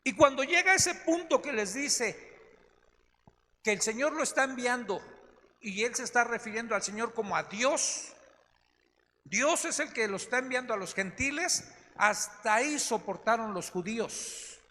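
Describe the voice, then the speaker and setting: A pastor preaches a chatty, conversational Bible study in a church meeting hall, peppering his lines with "¿no?" and "¿sí?" to keep listeners engaged. His delivery is animated and forceful, with a very high, bright voice at normal speed, and the echoey hall carries faint noise.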